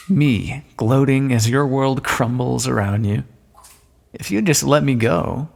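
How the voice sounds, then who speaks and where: In a scripted audio roleplay, a man plays a smug, sardonic thief gloating at a fallen monarch, using mocking mock-courtly politeness and drawn-out emphasis. His medium-pitched voice carries vocal fry and is heavily acted, all swimming in a long echoing reverb for this theatrical monologue.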